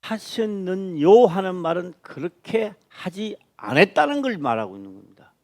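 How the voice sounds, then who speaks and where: A man preaching a sermon as a pastor, speaking emphatically with repeated phrases and sudden loud stress. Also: sits high, huge pitch swings, moderate pace, no room sound, clean studio sound. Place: church.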